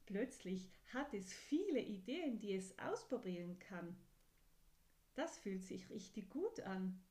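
A woman reading a children's bedtime story very slowly and gently, her voice of middling pitch. At quiet moments she sinks into a soft whisper. The delivery stays calm and unhurried. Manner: slow, gentle, sometimes dropping to a whisper.

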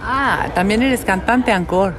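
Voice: mid-range voice, measured pace, a crowd in the background. Upbeat street interviewer, encouraging tone. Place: tunnel in a city park, outdoors.

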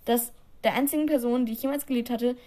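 Woman reading as a furious bitter dad, loud and snapping, pitch shoved up high. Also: fairly even intonation, fast talker, natural voice. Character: angry grown man, harsh bitter father.

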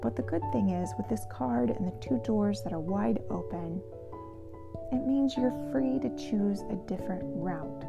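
A woman giving a card reading straight to the listener, reflective and deliberate, phrase by phrase. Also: mid-range voice, vocal fry, highs cut off, over music. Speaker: host and intuitive card reader.

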